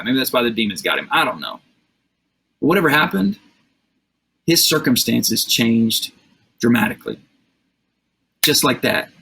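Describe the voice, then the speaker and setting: A man preaches to a streamed congregation, his voice a little husky and mid-pitched. He retells a scripture story in plain, conversational words and keeps inviting listeners to picture the scene. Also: fairly bright tone. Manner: conversational, vivid storytelling with rhetorical questions. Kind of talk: livestreamed sermon.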